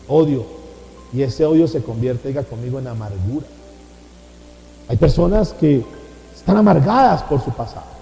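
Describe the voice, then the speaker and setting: A man's voice: on the high side, warm tone, big-room sound, poor audio. A man preaching a sermon as pastor, asking the congregation questions and repeating key phrases. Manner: preaching with rhetorical questions and repetition.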